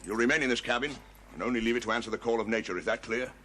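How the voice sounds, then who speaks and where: An actor playing a stern middle-aged army sergeant in a period television drama, blunt and authoritative. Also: male voice, mid-range voice, racing, a bit bright, slight background noise, close to an everyday voice. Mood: commanding.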